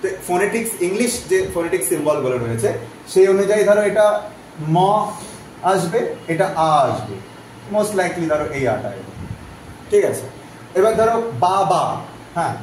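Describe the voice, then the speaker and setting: A man teaching a phonetics lesson, repeating vowel sounds slowly so students can follow. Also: sits high, a little mellow. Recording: very echoey room, voice from off-mic, faint background noise.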